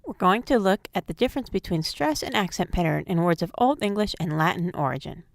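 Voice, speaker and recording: A woman narrates a scripted phonics lesson in a clear, measured way, with a gravelly edge to her voice. The sound is dry and close. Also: on the low side, lively intonation, no echo. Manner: clear, measured instructional delivery. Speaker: phonics teacher.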